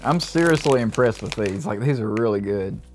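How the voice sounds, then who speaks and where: A man giving an enthusiastic, casual review of low-carb snacks, reacting as he tastes them. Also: animated, moderate pace, a little mellow, a little hiss or hum. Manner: upbeat, enthusiastic tasting reactions. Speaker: food reviewer. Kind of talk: casual product review vlog.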